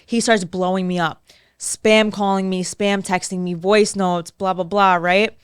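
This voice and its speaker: Animated woman in her twenties telling a story. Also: mid-range voice, unhurried, clear, resonant tone, no echo, clean studio sound. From New York. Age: 20s. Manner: animated, acts out quotes in other voices. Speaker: podcast co-host. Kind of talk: casual storytelling chat.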